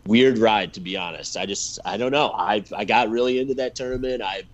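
A man's voice: lowish voice, brisk. A man chatting casually as a podcast guest, with a self-deprecating manner. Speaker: podcast guest, new member. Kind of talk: casual chat. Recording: dry, slightly dull lo-fi audio.

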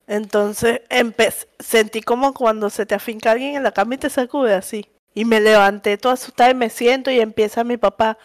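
Female podcast co-host, Venezuelan accent, high voice, animated casual storyteller. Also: brisk, few pauses. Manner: animated, laughs often, acts out quotes in raised voice.

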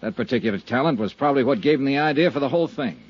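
A man's voice: medium pitch, expressive, racing, husky, no echo. An actor playing a blunt, world-weary male insurance investigator in an old radio drama, narrating in clipped, sardonic tones. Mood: accusing. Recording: dull lo-fi old radio broadcast.

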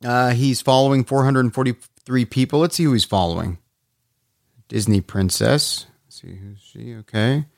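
A man's voice: mid-range voice, moderate pace, gravelly, no echo, studio quality. A man hosting his own podcast in casual solo chat, loose and profane, rambling with restarts and asides. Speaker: podcast host.

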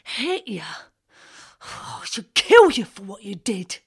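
A woman's voice: mid-range voice, sing-song, slow pace, husky, exaggerated voice. A woman playing a harsh foster mother who scolds in a theatrical way. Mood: furious.

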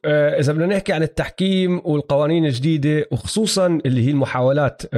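A man with a mid-range, darkish voice and a Palestinian-Jordanian Levantine Arabic accent co-hosts a laid-back sports analysis conversation. He walks through his points, checks that the listener keeps up, and peppers his speech with English basketball terms.

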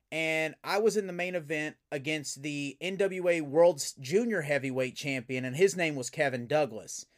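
A professional wrestler, speaking as a guest in a relaxed interview, tells animated stories packed with fillers and restarts. His voice is a little high.

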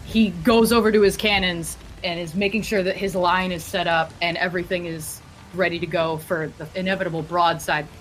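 A woman narrating as game master of a tabletop game, describing scenes in a lively, vivid way. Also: fairly low pitch, slight background noise, rough recording.

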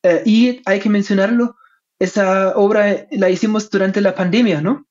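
A man from Germany with a German accent in his non-native Spanish, giving reflective, halting answers in an interview. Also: high voice, steady tone, darkish tone. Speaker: interviewed academic researcher and author. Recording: dull, lo-fi sound.

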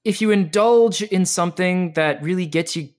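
This man, who acts and teaches voice, has a high voice and a moderate pace. In a casual interview he sounds energetic and animated, frequently restarting his sentences.

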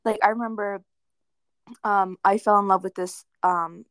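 A woman's voice: mid-range voice, steady tone, moderate pace, a bit bright, no room sound. Young female co-host, casual and giggly, dead-dry recording. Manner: giggly, gushing, trails off with "like". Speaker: podcast co-host. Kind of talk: casual chat.

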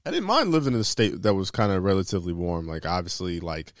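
A deep-voiced man hosts a casual conversation in a very dry recording. He rambles in loose slang and swears freely. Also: very animated, quick pace, dry recording. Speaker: podcast host. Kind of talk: casual chat.

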